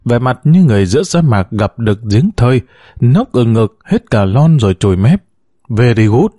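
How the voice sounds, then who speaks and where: Here a narrator reads an audiobook aloud, his medium-pitched voice deep-toned and mellow. He holds a steady, moderate pace, and the sound is intimate and dry, free of any room echo.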